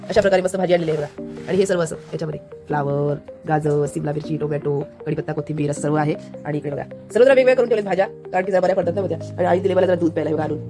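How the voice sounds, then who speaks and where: A woman with a Konkan Marathi accent, chatting casually through a home vlog and showing things to the camera. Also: fairly low pitch. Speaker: vlogger. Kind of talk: casual daily vlog narration. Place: family home, indoors.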